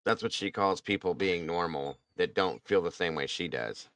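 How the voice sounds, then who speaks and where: A man's voice: low voice, moderate pace, fairly bright tone, no room sound. A man hosting a casual true crime talk, blunt and indignant, swearing now and then. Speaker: true crime podcast host. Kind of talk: casual chat.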